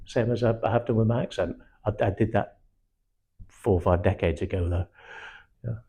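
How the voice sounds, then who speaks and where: An older man from Manchester with a hard-to-place English accent, giving a blunt, animated sales training talk to a small group and slipping into acted-out quotes. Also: on the low side, moderate pace, slightly rough. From Manchester, England. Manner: blunt and animated, acts out quotes, swears casually.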